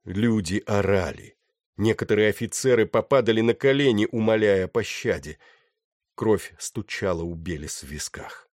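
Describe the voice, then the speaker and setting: A man narrating a novel with steady, dramatic storytelling. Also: fairly low pitch, normal speed, no room sound, studio quality. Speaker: audiobook narrator. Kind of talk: scripted narration.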